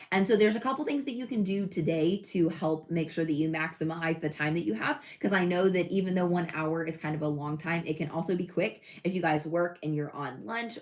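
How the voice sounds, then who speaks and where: Chatty, fairly low-pitched woman streamer. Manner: chatty, self-correcting, laughs at own slips. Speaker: crafting channel host. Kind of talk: casual livestream chat.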